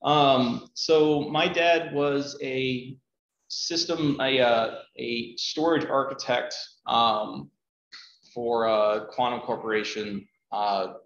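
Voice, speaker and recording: A man speaking at a meetup, answering audience questions in a relaxed, hesitant way with many ums and uhs. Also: mid-range voice, gravelly. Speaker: conference speaker. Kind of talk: conversational Q&A talk. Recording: roomy, dull, faint noise.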